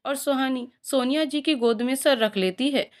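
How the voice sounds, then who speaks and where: A woman's voice: sits high, moderate pace. A woman storyteller reading an emotional romance story. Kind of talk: scripted story narration.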